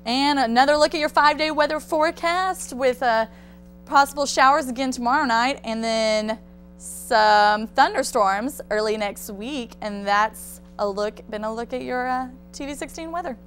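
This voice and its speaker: A young American woman gives an informal student TV forecast. Her voice sits fairly high, and the recording carries an audible hum. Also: moderate pace, fairly bright tone. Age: young adult. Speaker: student weather presenter. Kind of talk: informal weather forecast delivery.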